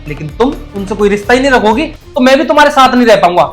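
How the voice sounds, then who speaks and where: A man's voice: extremely high pitch, animated, quick pace, fairly bright tone, faint music behind. A young man playing a devoted son who speaks earnestly and firmly in defense of his father. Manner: earnest, firm, lecturing.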